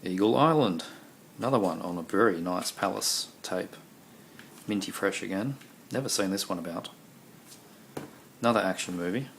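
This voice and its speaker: In a noisy home recording, a man who is losing his voice shows off his video collection in casual show-and-tell fashion. His voice is low and a bit bright, with vocal fry, at a moderate pace, and he rambles with plenty of ums and uhs.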